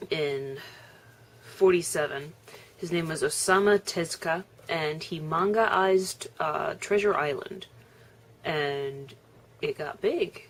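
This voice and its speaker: A young woman chatting casually on her video blog, laughing often and chewing as she talks. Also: deep voice. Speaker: vlogger. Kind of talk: casual vlog chat.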